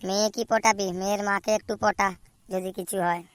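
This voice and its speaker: A woman voicing a teasing, foul-mouthed young man in a cartoon, loud and mocking. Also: mid-range voice, fairly even intonation, a little fast, close to an everyday voice. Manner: loud mocking banter with swearing. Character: mocking young male friend, crude and teasing. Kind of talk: cartoon voice acting.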